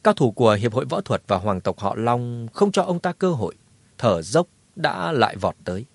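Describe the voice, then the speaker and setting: A man narrating a martial arts novel in a dramatic, lively telling. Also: mid-range voice, normal speed, gravelly, no echo. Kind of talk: scripted audiobook narration.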